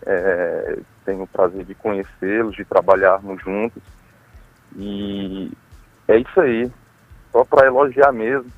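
A man calling in to a radio show over a phone line, halting and often repeating words as he gives praise. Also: fairly low pitch, steady tone, dry recording. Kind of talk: casual chat. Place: phoning in from elsewhere. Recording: dry tinny phone line.

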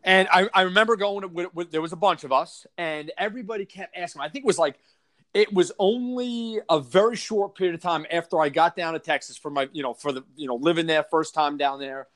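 High-voiced man with a Long Island accent. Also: a bit bright. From Long Island, New York. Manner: chatty, jokey, quick restarts. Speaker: podcast co-host. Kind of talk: casual chat.

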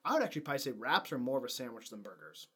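A man's voice: mid-range voice, very animated, rapid-fire, a bit bright, husky. Rambling casual man co-hosting a podcast. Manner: rambling, many fillers and restarts. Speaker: podcast co-host. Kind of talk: casual chat.

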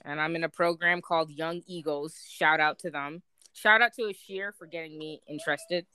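A laid-back teenage girl co-hosting a casual podcast, with a lowish, smooth voice. She talks in relaxed slang and laughs easily. The recording is close and dry. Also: normal speed, dry recording. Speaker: podcast co-host. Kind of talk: casual chat.

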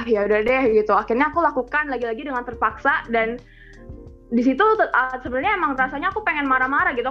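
A teenage girl giving a church testimony in an earnest, chatty way, full of filler tags. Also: sits high. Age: teens. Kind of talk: church testimony, casual storytelling. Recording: muffled lo-fi audio with faint music.

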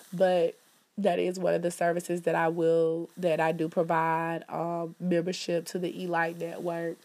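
Woman host, a little low-pitched, nasal and stuffed up, chatty promo delivery. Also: a little mellow. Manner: chatty, upbeat, calls listeners "baby". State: stuffed up with allergies. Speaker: host promoting events and services. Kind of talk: casual promo talk. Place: indoors, in the country.

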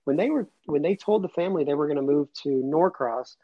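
A man's voice: a little high, animated, a little fast. A man in his late thirties, a guest on an interview show, telling his story in an earnest, rambling way. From Cuba, raised near Atlanta. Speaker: guest, immigration lawyer. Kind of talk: casual interview chat. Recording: dull lo-fi audio.

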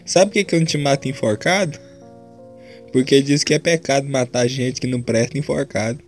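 A man's voice: medium pitch, a little fast, a little mellow, soft background music. A man in casual chat, teasing and joking.

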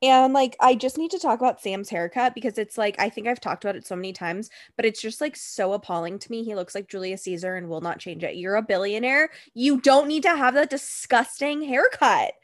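A woman's voice: fairly high pitch, a little fast, few pauses, dry recording, clean studio sound. A young woman in casual gossip chat, blunt and profane, sometimes mocking people in a put-on voice.

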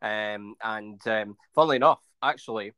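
A man's voice: lowish voice, normal speed, pushed and bright, smooth, dry recording. A man co-hosting a football podcast in casual chat, hesitant with many fillers and restarts. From England. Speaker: podcast co-host.

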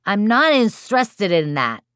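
A stubborn little boy of two and a half, as a woman puts him on for an audiobook, pitched well above her usual voice. He turns ideas down in a flat, matter-of-fact way. The recording is dry and close. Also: unhurried, clear, resonant tone, no echo.

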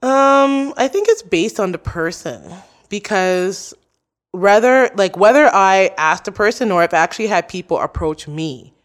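A young adult woman who hosts a podcast is being interviewed, talking casually and openly. Her mid-range voice is animated and a little slow, and she's chatty, using lots of "like" and "you know."

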